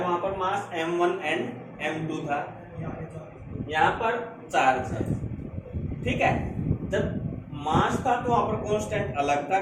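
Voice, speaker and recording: A man teaching a physics lesson with an Indian accent, mixing Hindi and English, dictating slowly and asking students quick check questions. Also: high voice. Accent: Hindi-English mix, Indian. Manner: addresses students as "beta", asks rhetorical check questions. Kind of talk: classroom lecture, dictating notes slowly. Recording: distant echoey classroom with noise.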